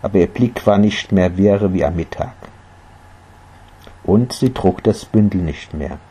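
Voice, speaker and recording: A man narrating a story in a measured, quiet storytelling manner. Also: low voice, lively intonation, slightly rough.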